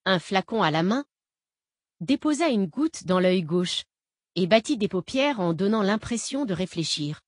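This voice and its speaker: A woman narrating an audiobook in an even, measured reading voice. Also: medium pitch, dry recording, studio quality.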